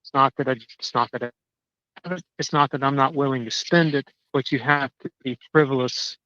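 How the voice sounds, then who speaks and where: A man talks over a crackly phone line that keeps fading in and out. The sound is muffled and dull, dry, at an ordinary middle pitch. He speaks in halting bursts, restarting and repeating words as he grows indignant. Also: fairly even intonation, sharp tone, dry recording. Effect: crackly phone line that fades in and out. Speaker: caller. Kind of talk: casual chat. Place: outdoors, walking a dog. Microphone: cell phone.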